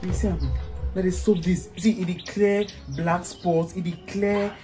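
Soft-spoken Nigerian man selling soap. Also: sits high, fairly even intonation, normal speed, faint music behind. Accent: Nigerian Pidgin English. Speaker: comedian. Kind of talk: comedy skit.

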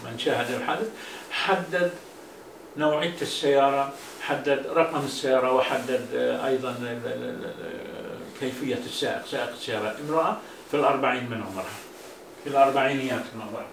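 A man teaching a bilingual grammar lesson. He says each English phrase slowly and more than once, then explains it in quicker Arabic with drawn-out fillers and restarts. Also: mid-range voice, gravelly. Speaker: language teacher. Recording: roomy, from a distance, faint hum.

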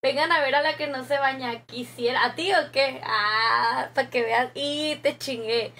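Young Mexican woman, high voice, casual streamer chatting into a desk mic, reads comments aloud, laughs easily. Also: a little slow, bright, forceful tone. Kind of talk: casual live-stream chat with viewers. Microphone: desk microphone.

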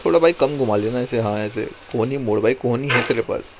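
A man with a hoarse, strained throat talks through a game in loose, casual commentary, coaxing and scolding the character on screen. His voice sits at an ordinary middle pitch. The home recording is noisy, with mouse clicks underneath. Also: a little fast. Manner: talks to his game character, exasperated and pleading, often counting one two three. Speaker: gameplay streamer.

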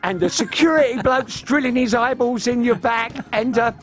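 A man's voice: very high voice, normal speed, faint music behind. A man in his fifties with a London accent, chatting casually and telling anecdotes as a radio guest in a studio. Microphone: studio microphone, headphones on.

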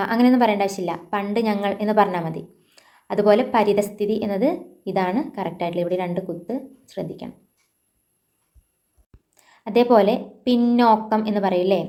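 A woman's voice: medium pitch, a little mellow. Malayali woman teaching word corrections. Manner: repeats words slowly for correction; casual asides to viewers. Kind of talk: exam-prep language lesson.

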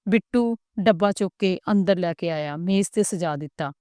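A woman narrating a family story in a calm, even storytelling manner. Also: lowish voice, moderate pace, dry recording, clean studio sound.

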